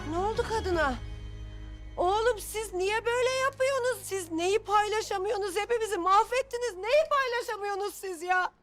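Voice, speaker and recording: A woman's voice: very high voice, a little fast, over music. An actress playing a middle-aged neighbourhood mother who scolds the young men in a TV drama. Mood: alarmed. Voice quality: scolding, alarmed. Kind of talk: TV drama acting.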